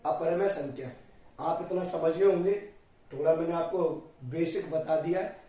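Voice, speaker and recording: A male math teacher works through a classroom lesson step by step at the board, fondly calling his students "beta." His voice is on the high side, warm, and at a normal pace. The room is very echoey and he sounds distant.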